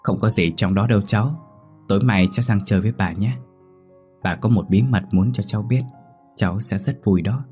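A man's voice: fairly low pitch, a little fast, soft background music, close to an everyday voice. Man voicing a kindly, grieving old village woman. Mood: coaxing. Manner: gentle, sorrowful.

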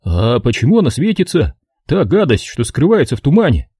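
A man's voice: mid-range voice, huge pitch swings, brisk, warm tone, husky, no echo, voice pushed up, heavily acted. A man voicing a naive, simple-minded young private who asks earnest questions. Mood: puzzled.

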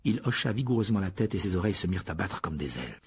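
A man with a husky, breathy voice reads an audiobook. His pitch sits low and his telling stays steady. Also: racing. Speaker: narrator. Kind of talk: audiobook narration.

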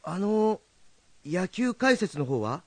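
An actor playing a young, earnest rakugo storyteller who is direct and meddling but kind. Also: male voice, high-pitched, slow pace, no echo, exaggerated voice. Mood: pushing. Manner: animated, direct speech.

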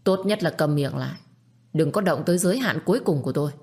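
A woman's voice: sits low, animated, quick pace, a little mellow. A woman voicing a cold, threatening rich young man who speaks in curt, clipped threats. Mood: menacing.

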